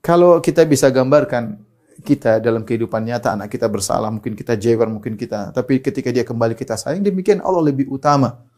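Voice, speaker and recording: Sermon voice: Indonesian male preacher, mid-pitched, expressive. He climbs high and loud in stories, sinks low and quiet in pleas, and recites Arabic between plain explanations. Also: quick pace. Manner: animated, rising high and loud when telling a story, sinking quiet when pleading; recites Arabic hadith then translates.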